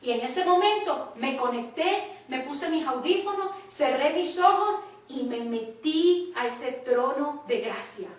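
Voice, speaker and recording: A woman preacher with a high voice leads a church class, speaking emphatically and acting out the people in her story. Her voice carries from a distance in a strongly echoing church hall. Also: animated, a little slow, few pauses. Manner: emphatic, storytelling with quoted dialogue. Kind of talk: Spanish church teaching. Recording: echoey church from far off.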